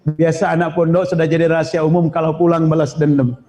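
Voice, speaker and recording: A man's voice: fairly high pitch, quick pace. A man preaching a sermon to parents, telling humorous stories and urging patience. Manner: storytelling, humorous, animated exhortation. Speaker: Islamic preacher.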